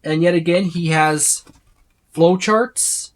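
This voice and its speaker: With a fairly high voice and an unhurried pace, this tabletop game book reviewer casually wanders through an unscripted walkthrough, rambling and naming items as he browses. Slight background noise is audible.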